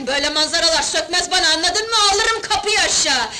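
An actress playing a brash, streetwise young wife who talks loud and slangy in an old film. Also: female voice, very high voice, animated, quick pace. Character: brash streetwise young woman, bold, pushy. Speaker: newly married wife in a film. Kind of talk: 1970s film dialogue. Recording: noisy old film soundtrack.

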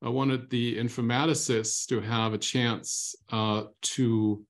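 A man's voice: mid-range voice, steady tone, slow. A man in his fifties speaking as a panelist on a video call, polite and methodical with frequent uhs. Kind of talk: academic panel discussion.

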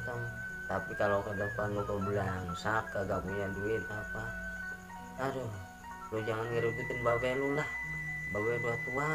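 A man's voice: on the low side, voice pushed up, natural voice. A man voicing a tired, resigned old village father. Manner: resigned, grumbling.

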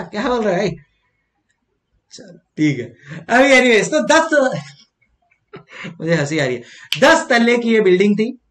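High-voiced playful teacher. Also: male voice. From Mumbai, India. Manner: playful, chatty, jokes and asks students questions. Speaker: accountancy exam teacher. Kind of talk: classroom lecture with personal storytelling.

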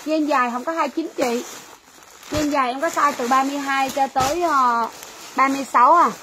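High, bright and pushed, the voice of this Vietnamese woman runs a little fast while she sells on a livestream, repeating lines and talking casually to her audience. Faint noise and poor audio mark the clip.

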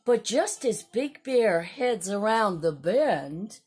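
A young woman teacher reading a picture book aloud to young children, animated, with gasps and whispered asides. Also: medium pitch, takes it slowly, slightly rough, soft background music.

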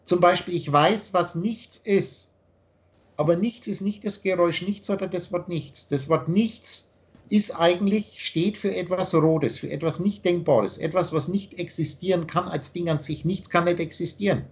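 A man's voice: high voice, moderate pace. A man explaining his teaching in a long, earnest monologue, often repeating himself, over a video call. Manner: repetitive, earnest, lecturing.

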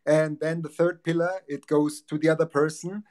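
This guest on a video call is a relationship coach, a man in his forties with a German accent, talking earnestly about his ideas. His slightly high, somewhat mellow voice barely moves in pitch and keeps a moderate pace. Behind him is a home office with bookshelves.

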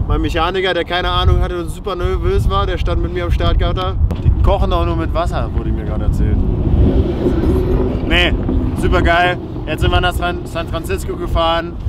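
A man's voice: on the high side, very noisy. A young man in his twenties chatting casually in a vlog outdoors at dusk, laughing often and talking in loose slang. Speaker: vlogger, supercross rider. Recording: music playing underneath. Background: loud background music.

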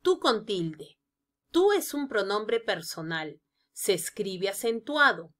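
A woman narrating a scripted grammar lesson, explaining each example slowly and deliberately. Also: mid-range voice, very animated, a bit bright. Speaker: teacher.

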